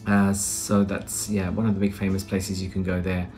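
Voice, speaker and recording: In a small, plain room, a man in his thirties from Britain records casual vlog talk and voice-over narration. His voice is deep and darkish, monotone at a normal speed, and faint music sits behind it. He speaks British English in a chatty, rambling way, with lots of "uh"s and false starts.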